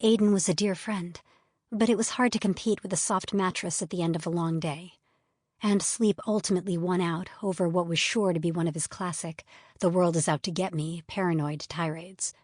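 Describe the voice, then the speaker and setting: A woman narrating a first-person audiobook in a measured, even storytelling manner. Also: fairly low pitch, no room sound, clean studio sound.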